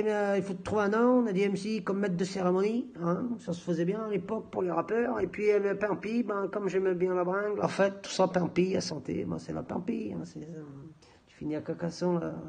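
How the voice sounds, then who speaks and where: A man's voice: sits high, vocal fry. A man leaving a comedic video message in character as a rapper, rambling and stammering in slangy speech.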